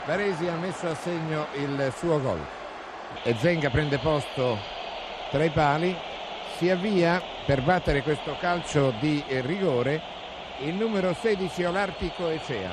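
A man with an Italian accent giving live football play-by-play, with excited goal commentary that surges at shots. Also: on the high side, unhurried. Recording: noisy outdoor stadium recording.

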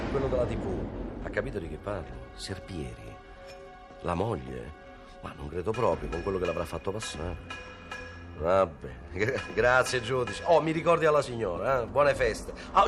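A man's voice: mid-range voice, lightly acted. An actor playing a sarcastic, overbearing male prosecutor who mocks the suspect he is questioning, in film drama dialogue. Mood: fawning. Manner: sneering, bullying, mock-polite on the phone. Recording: film soundtrack with music underneath.

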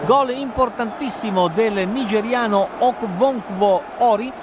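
A man giving breathless, excited live goal commentary as a football radio commentator. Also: high-pitched, unhurried. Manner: breathless, excited, urgent delivery. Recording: dull lo-fi broadcast, loud stadium crowd. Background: stadium crowd noise.

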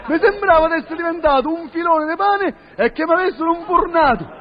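A man's voice: extremely high pitch, lively intonation, fairly quick, a faint crowd. A man telling a rustic comic monologue in first person, rambling and indignant, full of rhyming curses. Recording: lo-fi recording with faint audience.

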